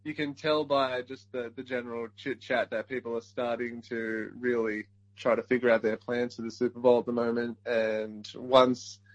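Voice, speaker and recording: A man co-hosting a casual sports podcast, jokey and quick to laugh as he plugs an event. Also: mid-range voice, flat delivery, no room sound, lo-fi sound. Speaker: podcast co-host.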